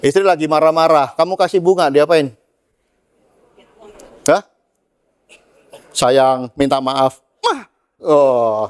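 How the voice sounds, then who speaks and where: Man, pastor, sermon, lively, fairly high voice, playful asides. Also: clean tone, no echo, studio quality. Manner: acts out God's words in a raised voice.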